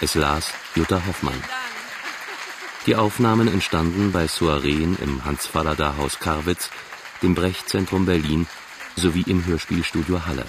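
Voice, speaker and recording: Male announcer, very low, formal credits read; noisy live audience. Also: measured pace, crowd noise. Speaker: radio announcer. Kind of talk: closing credits.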